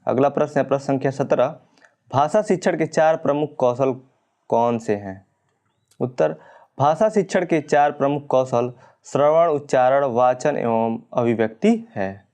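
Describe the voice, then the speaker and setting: A man's voice: medium pitch, a little slow, a little mellow. A male teacher steadily working through exam questions and answers, explaining each point and correcting printed mistakes. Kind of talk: exam-prep lesson reading questions and answers.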